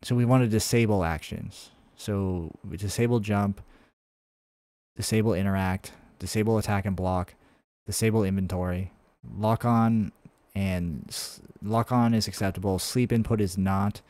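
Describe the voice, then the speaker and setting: Fairly low in pitch and a little mellow, this man speaks at normal speed in a steady tone, with no echo. He's streaming game development, casually thinking aloud with many fillers and restarts and answering chat between coding steps.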